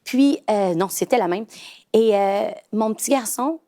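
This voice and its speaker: A woman's voice: mid-range voice, unhurried, warm tone. A woman in her thirties with a Québécois French accent, telling family stories as a guest on a talk show, with many fillers and restarts. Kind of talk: casual talk show chat.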